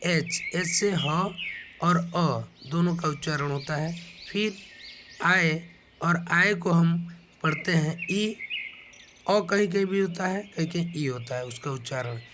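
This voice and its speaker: A man's voice: fairly high pitch, measured pace, background noise. Patient male teacher, birds behind. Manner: patient, repeats each letter and its sound. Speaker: English teacher. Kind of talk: slow spoken lesson. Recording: clear bird sounds in background.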